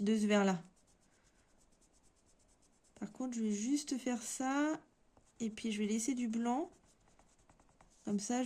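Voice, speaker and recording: A woman's voice: fairly high pitch, dark tone. A woman with a French accent hosting a casual coloring-along, chatting and thinking aloud as she works. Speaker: coloring channel host.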